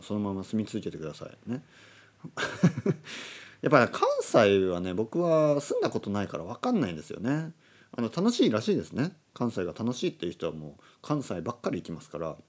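A man from Oita, Japan, hosting a relaxed solo talk for learners, explaining slowly and glossing words in English. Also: on the low side. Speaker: podcast host. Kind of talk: casual monologue for Japanese learners. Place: indoors at a table.

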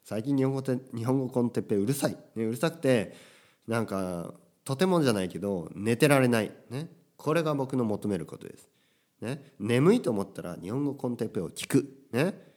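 Lively Japanese man chatting solo. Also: medium pitch, brisk. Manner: energetic, chatty, frequent tag questions. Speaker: podcast host teaching Japanese. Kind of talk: casual solo podcast talk.

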